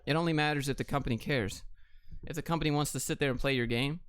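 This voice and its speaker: This Atlanta, Georgia livestream host talks fast in a slightly high, bright and smooth voice, recorded with no room sound. He reads out viewers' questions and responds bluntly, briefly and offhandedly.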